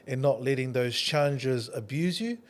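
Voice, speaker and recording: A man hosting an interview, an animated storyteller who encourages his guest. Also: mid-range voice, moderate pace. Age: adult, a father. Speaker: podcast host.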